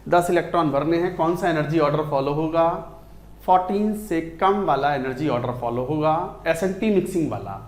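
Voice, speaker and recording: A man's voice: on the high side, a little fast, reverberant. A man with an Indian accent teaching chemistry in a lecture, counting aloud as he writes on the board. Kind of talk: classroom lecture mixing Hindi and English.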